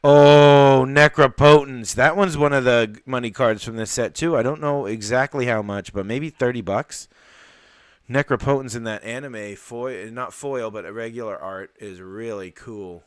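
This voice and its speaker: A man hosting a live card unboxing, chatting casually in a rambling way with fillers and excited exclamations. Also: mid-range voice, normal speed, clean tone, no echo.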